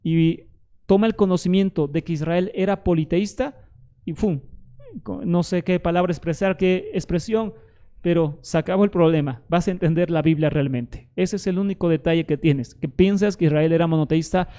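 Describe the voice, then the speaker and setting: A man's voice: a little high, moderate pace, warm tone. A man presenting a Bible history lesson straight to the viewer, emphatic, arguing with the objections he imagines the listener raising. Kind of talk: direct-to-camera teaching monologue.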